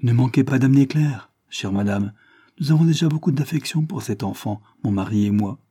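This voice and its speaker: A man's voice: mid-range voice, brisk, mellow, breathy edge, dry recording, studio quality, natural voice. A man reading the lines of a kindly, slightly plaintive older woman neighbor in a story. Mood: friendly.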